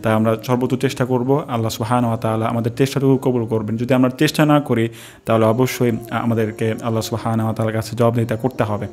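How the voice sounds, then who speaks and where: A man teaching recitation pronunciation in a slow, careful lesson, repeating each sound to demonstrate it. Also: mid-range voice, little pitch movement, a little mellow.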